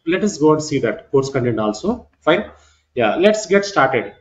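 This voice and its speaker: A man's voice: fairly high pitch, sing-song, normal speed. A middle-aged man, a native Telugu speaker with a Telugu Indian accent, giving a live class as a technical instructor and often checking in with "right?" and "okay". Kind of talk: live demo class lecture. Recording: echoey room, dull lo-fi audio.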